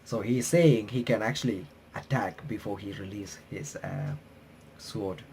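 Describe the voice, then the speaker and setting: With a fairly low, slightly mellow voice, a man hosts a visual novel playthrough, reading the text and making casual asides. He speaks haltingly, often tripping over words and restarting, and a little hiss or hum is audible.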